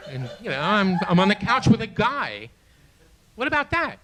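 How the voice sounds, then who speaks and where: A man in his late sixties performing a stand-up comedy set in a small theater, with a halting, self-deprecating delivery full of restarts, and audience laughter behind him. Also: high voice, wildly swooping pitch, bright, forceful tone. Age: 60s. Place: small theater stage before a live audience.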